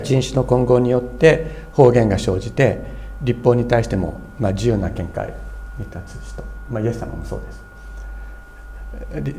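A middle-aged man preaching in an earnest, explaining manner, pausing on fillers and restarting his sentences. His voice is dark and mellow. A faint hum runs under the recording. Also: medium pitch. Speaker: pastor. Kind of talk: sermon.

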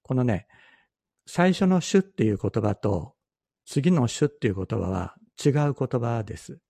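A middle-aged man, a pastor, giving a Bible teaching sermon in a measured, explanatory way, repeating key phrases for emphasis. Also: medium pitch, animated, creaky, dark tone, no echo, studio quality.

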